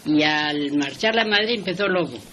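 Older lady from telling an old folk tale, plain homely talk, bright tone, bit of hiss. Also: low-pitched, animated, moderate pace, low-quality recording. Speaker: storyteller.

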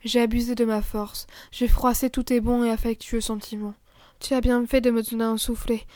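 A woman's voice: on the high side, little pitch movement, normal speed, darkish tone, no room sound, clean studio sound, lightly acted. A woman voicing a remorseful young girl who pleads through her tears. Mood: tearful. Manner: pleading, tearful. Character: remorseful unhappy young girl, quick-tempered.

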